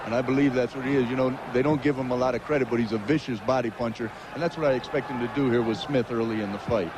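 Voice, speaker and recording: A man's voice: mid-range voice, fairly even intonation, fast. A man giving conversational colour commentary on a boxing match from ringside. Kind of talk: conversational sports analysis. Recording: noisy ringside broadcast.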